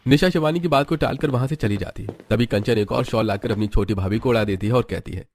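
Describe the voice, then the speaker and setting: A man's voice: lowish voice, fast, a little mellow. A man narrating a cartoon story in a plain, scripted storytelling style.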